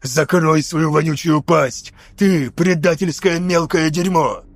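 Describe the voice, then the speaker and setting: A man voicing a furious veteran male sergeant-major, gruff and menacing. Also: on the high side, takes it slowly, no room sound.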